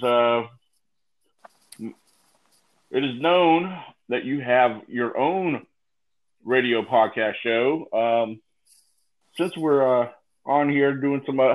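A man's voice: mid-range voice, unhurried, long pauses, darkish tone. A man hosting a casual online call, hesitant and full of fillers, speaking into a laptop mic. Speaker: host of an online call show. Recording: dull lo-fi laptop audio.

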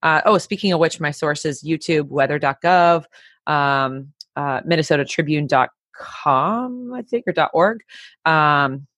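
Casual woman co-host, low voice, dry close sound, rambling storyteller. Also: unhurried, a bit bright, dry recording. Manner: chatty storyteller, many fillers. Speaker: podcast co-host. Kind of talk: casual chat.

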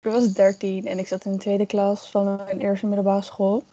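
A woman's voice: mid-range voice, level tone, moderate pace, dark tone, no echo, dull audio. A young woman in casual podcast chat, telling a long personal story with many fillers and quoted asides. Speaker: guest storyteller.

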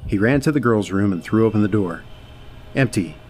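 Low-voiced man narrating a horror story. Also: animated, a little mellow, faint music behind. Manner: measured, dramatic storytelling.

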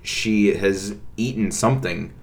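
Deep-voiced man, casual podcast co-host, chatty and repetitive. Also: a little slow. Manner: rambling, repeats words, many fillers. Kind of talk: casual couple's podcast chat.

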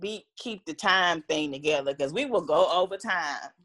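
A woman's voice: sits low, normal speed, fairly bright tone. A woman co-hosting a podcast in casual chat, slangy and laughing often. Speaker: podcast co-host.

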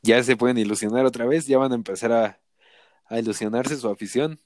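Casual Mexican male podcast co-host, joking and foul-mouthed, mid-pitched, recorded dry. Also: fairly quick, a little mellow, no room sound. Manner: slangy, profane, joking. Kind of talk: casual football banter.

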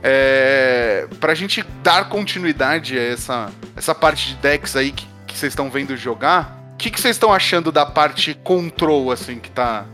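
A man's voice: mid-range voice, measured pace, few pauses, bright, forceful tone, soft background music. A man with a Brazilian accent hosting a casual discussion in a wordy, jokey, self-deprecating way. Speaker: podcast host.

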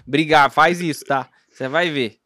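Chatty Brazilian man, slangy and animated. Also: on the high side, moderate pace, dry recording, clean studio sound. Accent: Brazilian Portuguese. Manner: animated, rambling, slangy, many restarts. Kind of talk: casual podcast chat.

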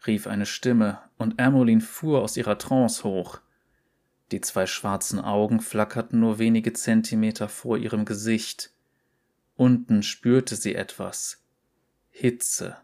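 A man narrating a short story in a slow, deliberate, measured reading. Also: lowish voice, a little mellow.

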